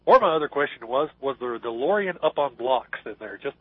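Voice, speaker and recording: A man's voice: mid-range voice, expressive, a little fast, slightly rough, dry recording. A man calling in to a radio show over the phone, joking around with the host and laughing often. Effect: heard over the phone line. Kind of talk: joking casual chat. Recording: dull, dry phone line.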